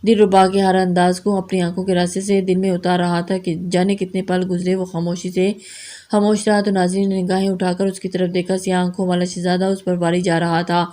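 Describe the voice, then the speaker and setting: A woman reading a romance novel aloud as storybook narration, measured and unhurried. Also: fairly low pitch, monotone, mellow. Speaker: novel reader.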